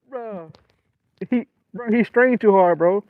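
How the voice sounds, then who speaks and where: A man's voice: sits high, slow pace, no room sound, narrow, tinny audio. A man hosting a fishing live stream, chatting casually, joking with his chat and laughing often. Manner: excitable, laughs a lot, jokes with chat. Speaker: fishing livestream host. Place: outdoors on a boat at sea.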